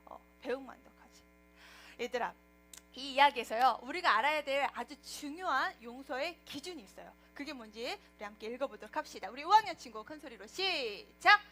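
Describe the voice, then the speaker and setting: A woman preacher telling a Bible story to children in a lively way, often asking them questions. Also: high-pitched, fairly quick, faint music behind. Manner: animated, asks the children questions.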